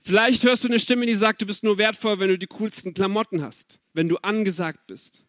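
A man's voice: sits high, a little fast, a bit bright, no echo, studio quality. A man in his thirties giving an earnest, personal sermon and speaking straight to his listeners. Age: 30s. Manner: earnest, personal, addressing the audience directly. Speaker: preacher.

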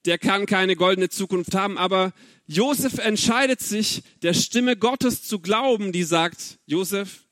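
A man's voice: high voice, a little slow, fairly bright tone, dry recording, studio quality. A man in his thirties giving an earnest, personal sermon and speaking straight to his listeners. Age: 30s. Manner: earnest, personal, addressing the audience directly. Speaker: preacher.

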